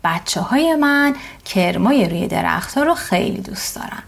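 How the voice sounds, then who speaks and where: A woman voicing a friendly mother sparrow in a children's bedtime story, in a bright sing-song storybook voice. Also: mid-range voice, sing-song, creaky.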